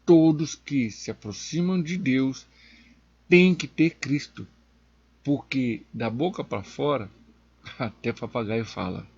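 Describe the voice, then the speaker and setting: A deacon delivers a Bible lesson in a slow, deliberate way, his voice a little husky. He leans hard on key words and lifts his voice sharply on them. The recording sounds dull and lo-fi. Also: medium pitch, a little mellow, no echo. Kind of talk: Bible teaching.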